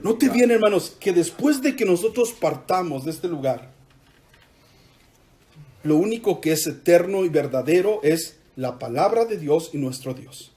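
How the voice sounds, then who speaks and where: A man's voice: sits high, lively intonation, unhurried, dark tone. A man preaching a sermon in church, emphatic, drawing the congregation into call-and-response.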